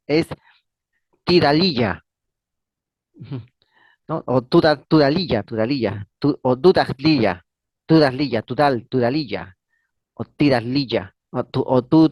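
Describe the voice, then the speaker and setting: A man hosting his own channel gives a casual history lecture in a fairly high, darkish voice with no echo. He rambles, repeats words and restarts often, with plenty of fillers, and keeps tacking a questioning "no?" onto his phrases.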